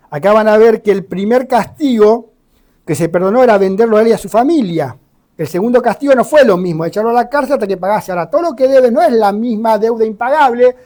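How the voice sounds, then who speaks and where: A preacher giving a sermon that explains a Bible passage. The delivery is animated, swinging between loud emphasis and quiet asides, with dramatic readings that voice the characters in the story. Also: medium pitch. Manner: reads scripture dramatically, voicing the characters.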